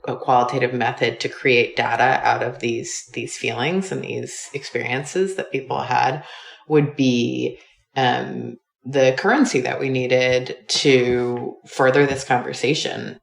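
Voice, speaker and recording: A woman speaks casually, chatting and stringing thoughts together with plenty of fillers. Her voice has a gravelly edge, and the recording sounds roomy. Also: a bass voice, steady tone, measured pace. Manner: chatty, uses many fillers. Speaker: interviewee, former medical student. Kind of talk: casual interview.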